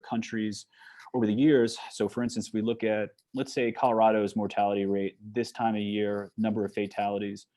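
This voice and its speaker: A man with a Long Island accent, from New York, giving a fast-paced online talk as a psychologist, with frequent fillers and restarts. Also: fairly low pitch, level tone, warm tone. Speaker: guest speaker, psychologist. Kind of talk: online presentation. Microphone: video call.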